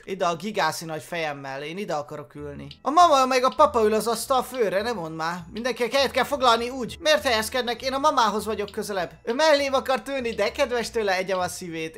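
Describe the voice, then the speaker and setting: A man riffing through a let's play as a gaming YouTuber, excitable and jokey, breaking into sudden loud outbursts. His voice is bright and forceful, with faint game music underneath. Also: high voice.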